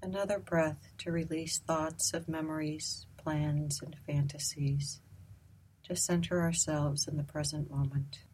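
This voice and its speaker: A woman with a low, breathy voice guides a meditation. She speaks slowly and softly, in a calm and gentle way. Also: low-quality recording. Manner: slow, soft, calm and gentle.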